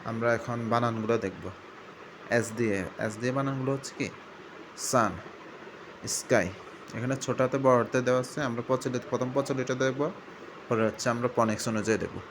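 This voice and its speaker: A man's voice: mid-range voice, steady tone, noisy background. A man teaching a primary school English lesson, spelling words out letter by letter and sounding out their phonics. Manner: slow, spells letters out one by one.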